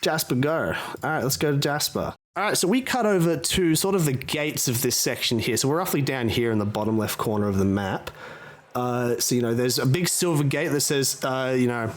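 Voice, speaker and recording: A man's voice: mid-range voice, brisk. A man narrating as dungeon master in a loose, filler-heavy way. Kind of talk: narrating a tabletop game.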